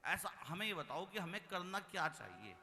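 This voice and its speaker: Animated male preacher in a reverberant hall. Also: high-pitched, normal speed. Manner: animated, with sudden loud calls and chanted Sanskrit verses. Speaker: Bhagavata katha preacher. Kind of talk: devotional sermon. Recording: long hall reverb with faint music.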